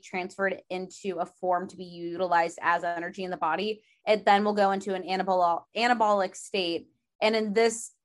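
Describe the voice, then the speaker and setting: A young woman co-hosting a podcast, slightly hoarse from a sore throat, explaining things in a chatty way full of "like" fillers. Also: mid-range voice, fairly bright tone. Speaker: podcast co-host. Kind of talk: casual chat.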